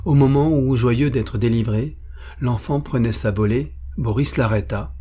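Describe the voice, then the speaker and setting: A man narrating an audiobook of a classic novel, measured and expressive. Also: medium pitch, husky.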